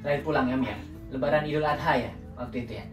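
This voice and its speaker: This is a casual home vlog hosted by a young Indonesian man who chats with viewers and keeps calling them "guys." He talks very fast in a mid-range voice. The small indoor room gives a distant, roomy sound, and music runs underneath.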